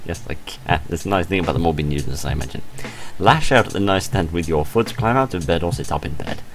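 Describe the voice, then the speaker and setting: A man with a deep voice and a quick pace reads a visual novel aloud for his game playthrough channel. He blends playful, dramatic delivery with casual commentary while game music plays behind him.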